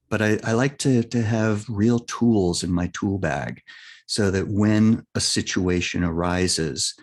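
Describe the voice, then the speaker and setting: A man speaking as an interview guest, a life and business coach, explaining his ideas earnestly and often checking in with "right?". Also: low voice. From United States.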